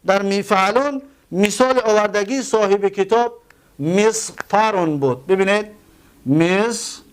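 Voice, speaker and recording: A man with a Tajik accent teaching a grammar lesson. He goes slowly, repeats words and spells them out letter by letter. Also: high-pitched, clean tone.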